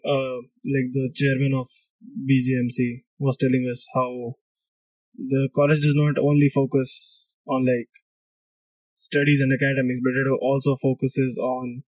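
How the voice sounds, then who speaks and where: A man's voice: medium pitch, dry recording, low-quality recording. A young man from India hosting a solo podcast, rambling and self-mocking, laughing often and swearing casually. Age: young adult. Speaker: podcast host.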